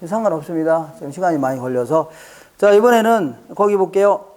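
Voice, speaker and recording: A man's voice: on the high side, animated, brisk, a little mellow. A man teaching a live class to exam students. He repeats key phrases, keeps checking that everyone is following, and jokes lightly with the students. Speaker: exam prep lecturer. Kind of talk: classroom lecture.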